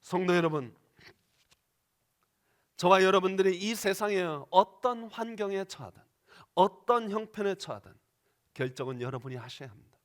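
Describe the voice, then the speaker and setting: Animated high-voiced male pastor preaching. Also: moderate pace, pauses often. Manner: dramatic, acts out quoted voices, asks the congregation questions. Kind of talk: sermon. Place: church sanctuary.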